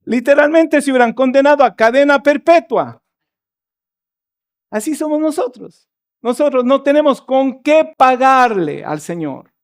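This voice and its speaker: Pastor with a high voice preaching in church and acting out the story's lines. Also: male voice, animated, measured pace. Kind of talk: sermon.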